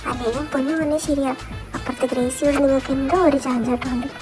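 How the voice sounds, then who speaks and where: A woman's voice: high-pitched, fairly even intonation, fast talker, music in the background, lightly acted. A woman playing a fretful, scolding mother. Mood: sulky. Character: worried middle-aged mother, sulky wife.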